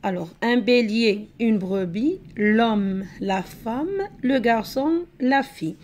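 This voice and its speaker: A woman's voice: a little high, animated, takes it slowly, a little mellow. A woman teacher giving a patient grammar lesson to a class, walking through many examples.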